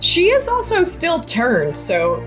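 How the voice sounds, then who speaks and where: A woman player bantering playfully, her voice swooping around a lot, with music clearly heard behind her. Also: high-pitched, huge pitch swings, slow pace, rough recording. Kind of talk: casual tabletop play.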